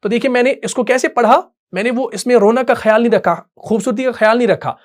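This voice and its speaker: A man's voice: very high-pitched, fast talker. A man teaching an online Quran recitation class, explaining patiently and often checking that students follow.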